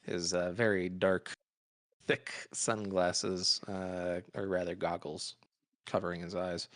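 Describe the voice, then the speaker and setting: A man's voice: deep voice, level tone, slow pace. A man narrating a tabletop fantasy game as game master.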